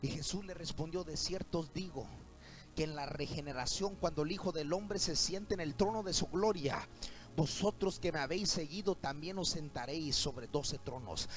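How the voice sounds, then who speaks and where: A man preaching a sermon to his church congregation, often rising to shouts. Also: fairly high pitch, moderate pace, soft background music, poor audio. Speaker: pastor. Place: church sanctuary.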